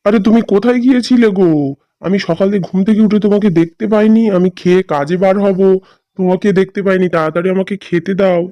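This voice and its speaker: A man's voice: high voice, steady tone, quick pace, no room sound, lo-fi sound, lightly acted. A man voicing a selfish, hen-pecked grown son in a cartoon drama, blunt and impatient. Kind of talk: cartoon voice acting.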